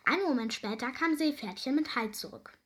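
A young woman reading a children's story aloud, lively and expressive. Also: high-pitched, brisk, heavy background noise. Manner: lively, warm storybook narration.

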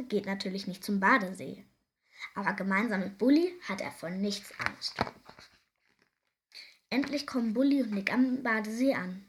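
A woman reading a children's story aloud, gentle and expressive, sometimes dropping to a soft whisper. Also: mid-range voice.

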